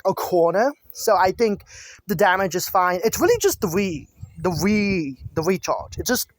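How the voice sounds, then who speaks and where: A woman gamer chats casually outdoors about game balance, offering her ideas in a talkative way while often stumbling and restarting her words. Her voice is medium-pitched with a darkish tone, and the recording is dry.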